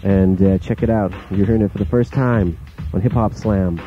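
A man's voice: lowish voice, steady tone. Man DJing over a muffled pirate radio broadcast. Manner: rattles off chart entries in quick clipped fragments. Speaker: radio DJ and host. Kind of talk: hip hop chart countdown on air. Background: music playing under the voice.

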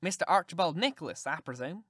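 A woman's voice: low-pitched, animated, fast talker, fairly bright tone, breathy edge, no room sound, studio quality, full character voice. A woman voicing Tom Sawyer, a cheeky Southern boy who talks in a polite, mock-innocent drawl.

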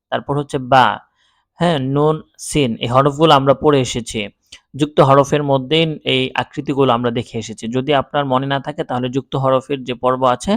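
Male teacher, mid pitch, patient and methodical, close dry mic. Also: no echo. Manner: patient, spells out letters and vowel marks slowly. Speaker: Quran reading teacher. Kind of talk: step-by-step recitation lesson.

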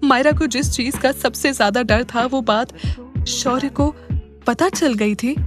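A woman narrating a romantic audio drama in a dramatic, expressive way. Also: sits high, a little slow, over music. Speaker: storyteller.

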